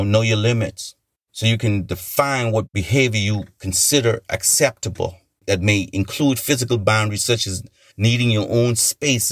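A motivational speaker with a lowish voice delivers an earnest, rambling talk, repeating himself and leaning on "you know" as he encourages listeners. The studio-quality recording has no echo.

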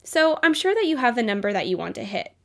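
A woman's voice: a little high, sing-song, fast talker, gravelly. A young adult woman hosting a solo business podcast, upbeat and motivational, her voice nasal from a cold. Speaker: podcast host.

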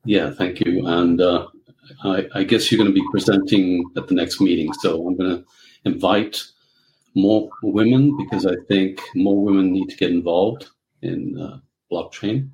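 A man from Greece, a guest in a casual interview, talking in a measured way with many pauses. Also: low-pitched, lively intonation, darkish tone, slight background noise, low-quality recording. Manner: measured, hesitant with fillers.

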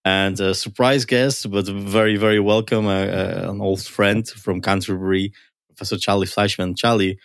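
A man's voice: on the low side, flat delivery, moderate pace, clear, resonant tone, no echo, clean studio sound. A man hosting a science podcast in a conversational, explaining style, with an enthusiastic, curious manner. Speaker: podcast host.

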